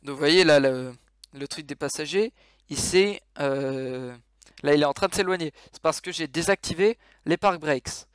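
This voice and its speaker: A man's voice: fairly high pitch, moderate pace, fairly bright tone, smooth, no echo, studio quality. A man giving a casual game tutorial over his screen, explaining controls with many fillers and restarts.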